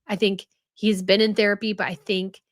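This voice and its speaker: A young woman hosts a casual royal news live stream, chatting and answering viewer comments with many fillers and restarts. Her medium-pitched voice is level and moderately paced, with clean studio sound and no echo.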